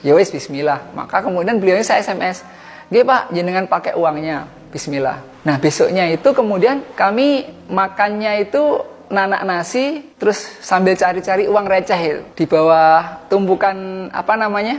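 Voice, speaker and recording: A man's voice: sits high, normal speed. Earnest Javanese-accented man telling his story. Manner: earnest storyteller who acts out dialogue. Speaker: tutoring center founder, former teacher. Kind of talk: inspirational personal testimony.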